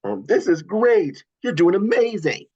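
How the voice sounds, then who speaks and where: A performer voicing a playful, excitable, cocky teenage hedgehog in a cartoon script read. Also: medium pitch, muffled recording. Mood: exhilarated. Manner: chatty, cheering, quick swings between glee and disgust.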